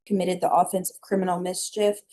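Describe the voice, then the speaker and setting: A woman's voice: on the low side, level tone, brisk, warm tone. An American woman speaking formally as a prosecutor in a courtroom, setting out the state's case. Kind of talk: formal reading of charges in a courtroom.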